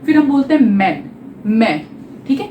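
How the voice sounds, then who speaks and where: A woman's voice: a little high, big pitch swings, normal speed, darkish tone, a little hiss or hum. A woman teaching a phonetics lesson for exam preparation, explaining step by step and asking her students rhetorical questions. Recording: echoey room, voice a little far from the mic.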